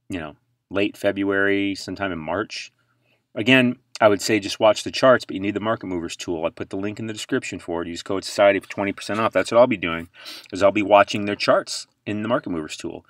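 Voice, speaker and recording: Rambling low-voiced male card-market host. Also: fairly bright tone, no echo, clean studio sound. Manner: chatty, rambling, breaks into exclamations. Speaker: sports card investing channel host. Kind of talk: casual commentary while browsing price charts.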